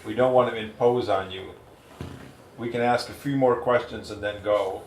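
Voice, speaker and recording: A man's voice: lowish voice, steady tone, normal speed. A man helping run an interview, speaking in a courteous, considerate, conversational way. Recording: distant, echoey room with faint noise.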